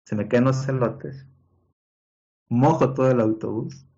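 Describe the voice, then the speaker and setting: A Mexican man spins a casual, animated anecdote in a mid-pitched voice. He keeps checking in with the listener and slips into the voices of the people in his story. The recording sounds dull and lo-fi. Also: unhurried. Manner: animated storyteller, acts out quotes, many fillers like "¿no?" and "este".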